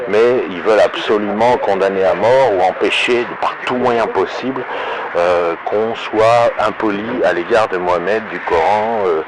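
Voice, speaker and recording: A man giving an unscripted opinionated monologue through a voice changer, halting and often correcting himself. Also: noisy background. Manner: halting, frequent self-corrections and repetitions. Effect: pitch-lowering voice changer. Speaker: online video commentator.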